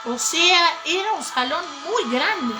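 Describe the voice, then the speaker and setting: Fervent high-voiced woman testifying. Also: expressive, takes it slowly, low-quality recording. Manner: fervent, pleading, repetitive. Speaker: preacher giving a testimony. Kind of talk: emotional faith testimony. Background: music.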